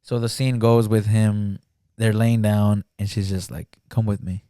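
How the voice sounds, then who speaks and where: A man chatting as a podcast guest in a fairly low, mellow voice, recorded dry and close. He talks in a halting, filler-heavy way. He keeps slipping into acted-out lines as he retells a film. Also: flat delivery, clean tone, no room sound. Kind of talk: casual podcast chat. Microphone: studio podcast mic.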